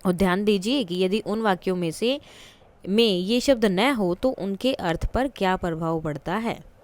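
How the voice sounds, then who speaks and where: A woman's voice: mid-range voice, unhurried, a little mellow. A woman teaching a school textbook lesson, explaining patiently step by step with examples and questions to the class.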